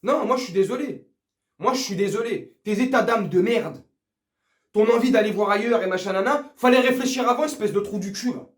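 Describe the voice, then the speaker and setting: A football fan video host rants casually to his viewers, crude, slangy, teasing and confrontational. His voice sits high and he talks fairly quickly, recorded in an echoey room.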